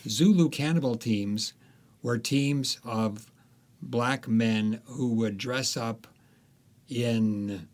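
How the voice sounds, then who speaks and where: Recounting history and his book's storyline, a male author speaks as an interview guest in a narrative manner, with frequent pauses and fillers. His voice is mid-range and a little mellow.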